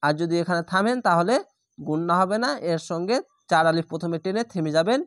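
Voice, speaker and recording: A man teaching Quran reading step by step, patiently repeating each rule and slowly drawing out sample syllables. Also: on the high side, a bit bright, no room sound, studio quality.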